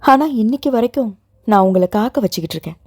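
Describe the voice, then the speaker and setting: A woman's voice: mid-range voice, expressive, fast talker, a little mellow, dry recording, studio quality. Woman voicing an emotional young heroine. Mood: sorrowful. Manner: pleading, emotional. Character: young woman, tearful guilt-ridden heroine.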